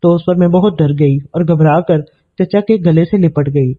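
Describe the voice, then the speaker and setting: A man narrating a scripted story, reading steadily and evenly in a voice that sits fairly high for a man. The sound is narrow and tinny, like a phone line.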